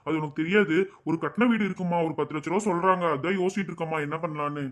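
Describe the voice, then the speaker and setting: A man's voice: fairly high pitch, very fast, natural voice. A man voicing a responsible young son in a cartoon family drama. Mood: earnest. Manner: soothing, earnest. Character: young working son, mid-twenties, responsible and kind.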